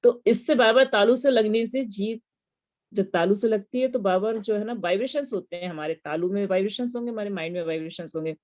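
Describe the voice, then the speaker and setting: A woman's voice: medium pitch, a little fast, a little mellow, lo-fi sound. A woman giving a devotional lesson on mantras, explaining patiently and asking rhetorical questions. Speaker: religious teacher.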